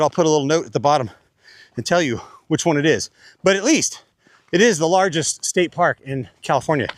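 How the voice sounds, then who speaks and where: A high, very animated man talks as he hikes through a breezy desert, rambling and joking as he goes. His voice bounces all over the place, and the sound is close and dry. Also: dry recording. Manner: chatty, rambling, playful. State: out of breath while climbing. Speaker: vlogger, hiker. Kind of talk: casual chat on a desert hike.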